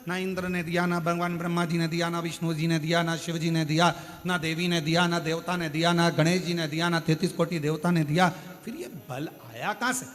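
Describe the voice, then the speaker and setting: A man's voice: fairly high pitch, steady tone, brisk, hardly any pauses, a bit bright, long reverb tail. A man delivering a sermon, preaching in dramatic bursts with many rhetorical questions.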